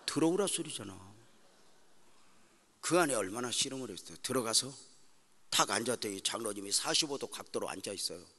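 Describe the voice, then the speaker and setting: Middle-aged guy preaching a sermon, super bright sharp voice, gets loud then goes hushed. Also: on the low side, expressive, a little fast, pauses often. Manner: emotional storytelling, swings from shouting to hushed prayer. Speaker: pastor.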